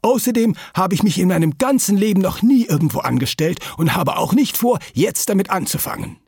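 A brash blind hen from a storybook, put on by a male narrator in a high, swooping voice. She talks loudly and indignantly and cannot be stopped. The sound is slightly husky and dry. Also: animated, fairly quick, dry recording, full character voice. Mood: grumbling. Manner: loud, indignant, unstoppable. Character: blunt, pushy blind female hen.

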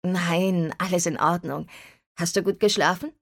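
A woman's voice: lowish voice, steady tone, unhurried, no echo. Woman reading as a bubbly chatty mom, fussy, audiobook voice, dry close sound. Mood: cheerful. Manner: bubbly, talkative, fussing. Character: cheerful chatty mother, middle-aged woman. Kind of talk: audiobook character voice.

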